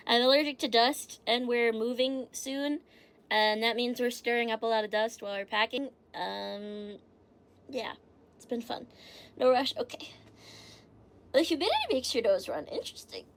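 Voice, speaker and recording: A woman's voice: a little high, measured pace, long pauses. A woman streamer in casual livestream chat, giggling as she reads facts aloud and answers her chat. She sounds a little stuffy from allergies.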